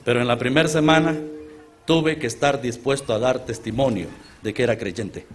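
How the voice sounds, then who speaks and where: A man from Honduras with a Honduran Spanish accent, preaching as a guest at a church conference. He moves between loud exclamations and low, quiet asides. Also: normal speed, soft background music. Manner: earnest storytelling sermon, often addressing listeners as brothers. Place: church conference gathering before a large congregation.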